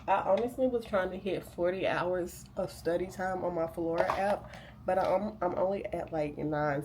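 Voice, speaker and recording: This young woman's voice is fairly low, and background noise is present. A vlogger and graduate student, she gets ready to study while chatting casually about her day, her cold making her sound nasal, her talk rambling and filler-heavy.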